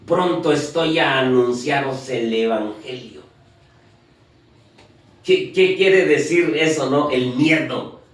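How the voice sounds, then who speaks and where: High-pitched preacher in an echoey hall. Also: male voice, a bit bright, far from the mic. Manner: asks the congregation questions, lists points. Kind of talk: sermon. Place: church. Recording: echoey church heard from afar.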